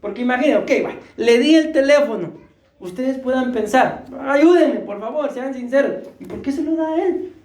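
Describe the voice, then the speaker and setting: A man's voice: very high voice, lively intonation, moderate pace, darkish tone, echoey room. A man preaching a sermon, joking and questioning his congregation, short of breath. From Costa Rica. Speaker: pastor. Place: church hall.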